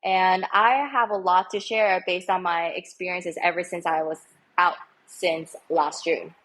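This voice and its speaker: A woman's voice: lowish voice, fairly even intonation, unhurried. Chatty young woman telling her story. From United States. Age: 20s. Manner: warm, chatty with many fillers. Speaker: podcast guest. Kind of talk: interview storytelling.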